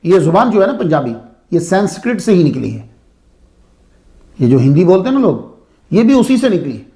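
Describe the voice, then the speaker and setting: A man's voice: high voice, sing-song, warm tone. A man telling a saint's story as a sermon-style lecture, in a conversational way that asks the listeners questions. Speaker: religious speaker.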